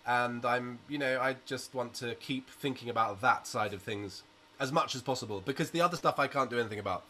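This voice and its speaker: Talking over a laptop webcam on a video call, this musician guest, a British man in his thirties, sits in a cramped home room under a sloped roof. His medium-pitched delivery is brisk and sharp-toned, earnest and outspoken with frequent you-knows, and there's a little hiss or hum.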